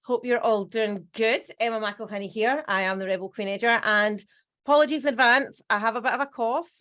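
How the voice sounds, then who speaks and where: A woman's voice: a little high, fairly quick, fairly bright tone. A middle-aged Scottish woman hosting a casual podcast chat, with a self-mocking, dramatic way of talking. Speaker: podcast host.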